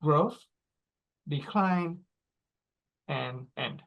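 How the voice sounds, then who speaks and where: A fairly high-pitched, gravelly and expressive man in his forties delivers a teaching talk in dull-sounding audio. He goes slowly, using short phrases and frequently asking "right?" or "okay?".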